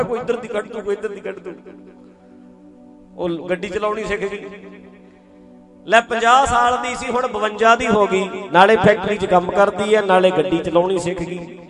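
A man preaching a sermon, telling stories and acting out quotes while talking straight to his listeners. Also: high-pitched. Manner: animated storyteller acting out quotes, addressing listeners directly. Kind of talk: sermon to a congregation. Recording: sermon with loud music behind. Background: clear background music.

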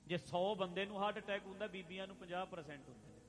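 A man preaching a religious sermon, addressing listeners directly, repeating phrases and chanting scripture lines slowly. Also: high-pitched. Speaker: Sikh preacher.

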